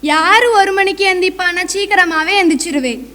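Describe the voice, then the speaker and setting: A woman's voice: very high-pitched, brisk, sharp tone. A young woman playing a stubborn, moody daughter who gives blunt, childish answers. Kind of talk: college stage skit.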